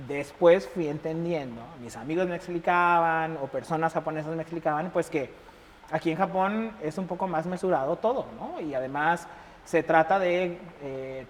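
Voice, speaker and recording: A young Mexican man with a Mexican accent, chatting casually as an interview guest and telling stories with lively acted-out dialogue. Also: on the high side. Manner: animated, acts out quoted dialogue, laughs often. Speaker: embassy chef, interview guest. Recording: reverberant room with faint noise.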